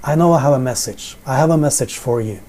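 Speaking quickly in a mellow, mid-range voice, a middle-aged Norwegian man teaches the Bible in English from his sofa at home, his Norwegian accent clear. He often repeats words as he hunts for the right ones, talking informally to a camera placed in front of him with a seated framing.

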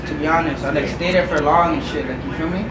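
A man's voice: a little high, fast, a loud crowd. A young man from Canada talking casually in a vlog, hyped and swearing freely. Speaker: vlogger and basketball player.

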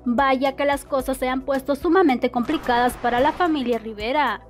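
A woman reading scripted entertainment news narration, quotes included in the same even voice. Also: high voice, normal speed. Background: faint music.

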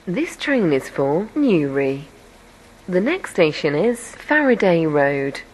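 A woman's voice: on the low side, big pitch swings, slow pace, low-quality recording. A woman's recorded voice making automated onboard train announcements in polite, formal announcer phrasing. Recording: loud hiss with clicks.

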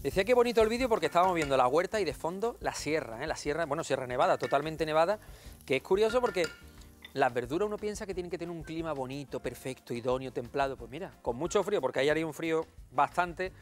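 A man's voice: on the high side, expressive, fast talker, soft background music. A man demonstrating a recipe on a TV cooking show, chatty and playful, joking with viewers. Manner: playful and jokey, addressing viewers as family. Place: TV studio kitchen.

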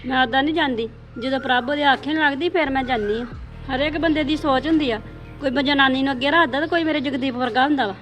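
Domineering mother-in-law, played by a woman, scolding, rapid and high-pitched. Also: a bit bright, faint music behind. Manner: scolding, dismissive. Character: domineering mother-in-law who spoils her son. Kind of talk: amateur family drama.

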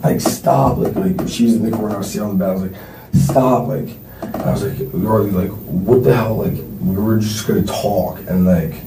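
A young man under police questioning, talking haltingly and filling nearly every phrase with "like". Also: low voice, little pitch movement. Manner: halting, filler-heavy, constantly says like. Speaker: suspect being questioned. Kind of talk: police interrogation. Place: police interview room. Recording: roomy distant recording with faint noise.

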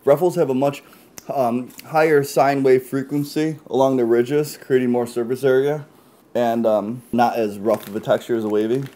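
Man, food vlog co-host, casual tasting chat, teasing jokes, mid-pitched voice. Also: fairly even intonation, normal speed, dark tone. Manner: joking, teasing banter.

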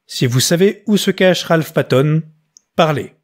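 A man's voice: on the high side, expressive, unhurried, voice pushed up. Man voicing a detective, middle-aged, solemn, pleading, insistent, audiobook character. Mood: urgent appeal.

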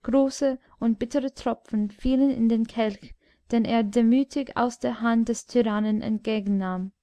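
A woman narrating a classic tale in a measured, solemn audiobook reading. Her voice sits fairly high and she takes a slow, careful pace. The recording is dry and close, with no room sound. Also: steady tone, warm tone, dry recording. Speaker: audiobook reader. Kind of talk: scripted literary narration.

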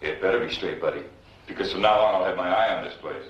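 An actor playing a tough beat cop with slangy, challenging talk in a 1950s film. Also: male voice, deep voice, quick pace, roomy sound, distant mic, lightly acted. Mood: suspicious, warning. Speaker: policeman. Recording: muffled old 1950s film soundtrack.

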